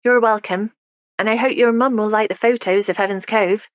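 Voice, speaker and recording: A woman's voice: medium pitch, fairly even intonation, normal speed, dry recording, dull audio, voice pushed up, close to an everyday voice. A woman voicing a polite, guarded young woman in an audiobook.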